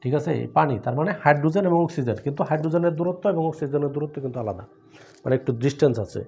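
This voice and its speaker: A man with a mellow, dark-toned voice teaches chemistry. He walks through each point one step at a time, posing questions and answering them himself. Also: on the high side, rapid-fire. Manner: explains step by step with rhetorical questions. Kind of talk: classroom-style lesson with memory tricks.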